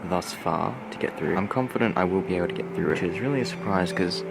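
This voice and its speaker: A man's voice: deep voice, fast, vocal fry, roomy sound, heavy background noise. A man narrating a personal vlog in an understated, slightly hesitant way. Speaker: vlogger doing a sleep deprivation challenge. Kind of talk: vlog narration and self-talk.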